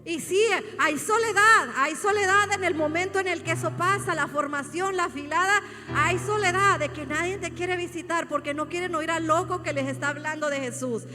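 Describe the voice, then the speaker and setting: High, bright-voiced woman pastor preaching. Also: moderate pace. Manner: fervent preaching, rising to shouts and calling out to the congregation. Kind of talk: sermon. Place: church sanctuary. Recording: long hall reverb with faint music.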